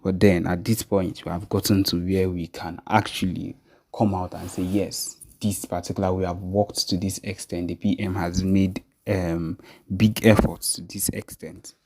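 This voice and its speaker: A man's voice: low voice, level tone, normal speed, a little mellow. A man with a Nigerian accent giving an impassioned political talk, emphatically repeating phrases with conviction. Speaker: political activist commentator.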